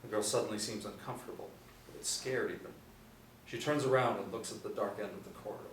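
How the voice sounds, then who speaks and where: A man in his 40s with a lowish, steady voice reads script directions at a quick pace. He is in a small indoor room, recorded on a distant mic with echo and faint background noise.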